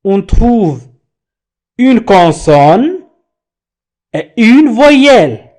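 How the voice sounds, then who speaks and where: A man teaching French pronunciation, spelling out letters and syllables slowly. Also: high-pitched, sing-song, darkish tone. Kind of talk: slow pronunciation lesson.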